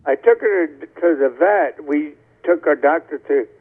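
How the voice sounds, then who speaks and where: A man's voice: fairly high pitch, measured pace, husky. Man on a clipped phone line. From Tampa, Florida. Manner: rambling, self-correcting storyteller. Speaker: caller. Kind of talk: casual call-in storytelling. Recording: tinny phone call on a TV show.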